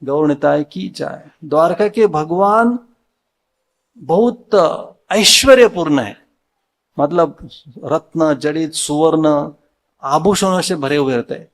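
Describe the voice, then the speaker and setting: A man's voice: fairly high pitch, slow, long pauses. A man with an Indian accent giving a devotional Sunday sermon in a temple hall, mixing in English words and asking his listeners questions that he answers himself. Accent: Indian, mixing Hindi with English words. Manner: asks the audience questions and answers them himself.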